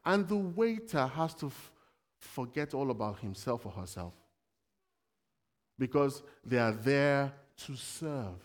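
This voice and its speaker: A man's voice: mid-range voice, animated, takes it slowly, big-room sound. A man giving a sermon in a conversational way, telling everyday stories and asking the congregation questions. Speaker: preacher.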